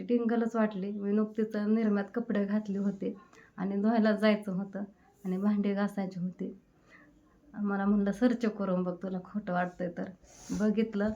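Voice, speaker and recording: A woman's voice: medium pitch, warm tone, dull audio. A woman, shaken and upset, telling a grieving story in a rambling, repetitive way. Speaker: vlogger. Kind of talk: emotional casual monologue.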